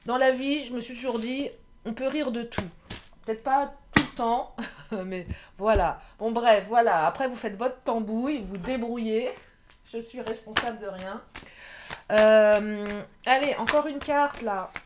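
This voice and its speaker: A woman's voice: fairly high pitch, measured pace, noisy background. A woman doing a casual card reading to camera. She is chatty, hesitates with many fillers and laughs at herself. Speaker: tarot card reader.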